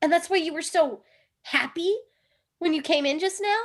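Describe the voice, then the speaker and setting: A woman's voice: very high voice, moderate pace. A woman reading the role of an earnest wife devoted to dream analysis, with an emphatic, theatrical delivery in a comic play reading. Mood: agitated.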